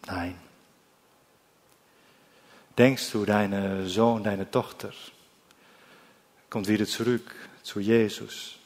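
A man from the Netherlands, preaching a sermon in German, slow and deliberate, with phrases that often drop to a soft low ending. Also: level tone. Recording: long hall reverb.

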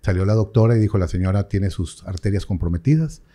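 In an interview, a priest shares a personal story with strong feeling, quoting others as his voice rises and breaks at moments. He speaks fast, his voice warm and on the low side.

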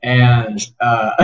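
A man in his twenties hosting a podcast, talking earnestly in a rambling way with lots of repeated words. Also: medium pitch. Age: 20s. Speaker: podcast host. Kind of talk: casual interview chat. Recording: roomy, distant, dull sound.

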